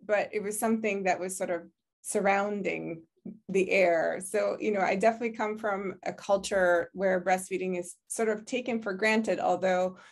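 A woman from Hungary with a Hungarian accent, English not her first language, recalling her story in a reflective oral history interview over a video call, filling her talk with "you know.". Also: medium pitch. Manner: reflective, frequent "you know", laughs easily. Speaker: interviewee, public health professor. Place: home office, virtual background.

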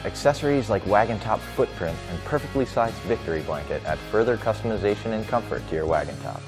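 Polished low-voiced male ad narrator. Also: animated, fast talker. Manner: polished, smooth ad delivery. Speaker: product narrator. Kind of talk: scripted promotional voice-over. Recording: voice-over with light music underneath.

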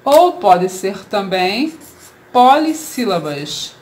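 A woman with a Brazilian Portuguese accent teaching a children's grammar lesson, explaining slowly and asking rhetorical questions. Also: medium pitch, big pitch swings, darkish tone.

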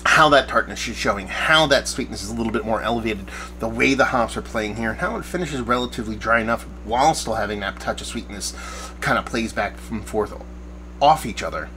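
A man's voice: on the low side, lively intonation, fairly quick, pushed and bright, slight background noise, poor audio. A bearded man in his forties giving a casual, rambling beer review to camera from a small shed studio, often searching for words. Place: backyard shed studio at night, small room.

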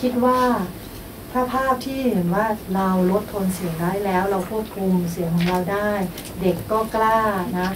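A woman's voice: medium pitch, moderate pace, distant mic, background noise. A woman coaching a teacher through a goal, guiding her with prompting questions. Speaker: workshop coach. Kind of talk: coaching dialogue.

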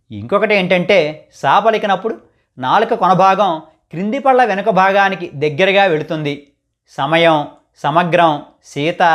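High-voiced man teaching letter pronunciation. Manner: measured, methodical, spells out letters and example words one by one. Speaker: teacher of a literature channel. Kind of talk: scripted explanatory lesson.

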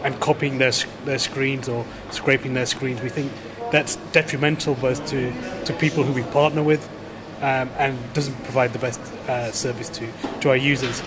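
A man in his thirties answers interview questions in a measured, businesslike tone, restarting a phrase now and then. He is recorded close up on a camera inside a big conference hall. Steady noise hums behind him. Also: mid-range voice. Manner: measured, polished, with frequent restarts. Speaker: company executive guest. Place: large indoor conference hall. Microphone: handheld camera close to the face.

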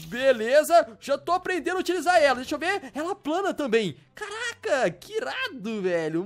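A young man doing excited Minecraft role-play commentary, exclaiming and repeating words as he plays. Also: extremely high pitch. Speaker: gaming YouTuber.

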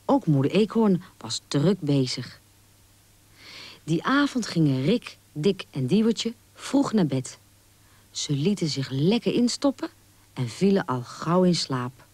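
A woman narrating a children's storybook gently and expressively. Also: low-pitched, takes it slowly, husky, no room sound. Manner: gentle, expressive, does small character voices in quotes.

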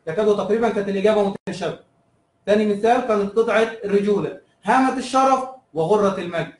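A man's voice: high voice, darkish tone, reverberant, distant mic, low-quality recording. A man with an Egyptian Arabic accent teaching a review lesson, asking his students questions and answering them himself, repeating key terms.

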